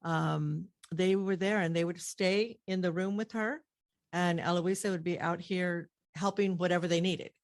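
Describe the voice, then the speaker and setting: A woman's voice: lowish voice, steady tone, moderate pace, no room sound. A woman telling personal stories casually as a co-host in conversation.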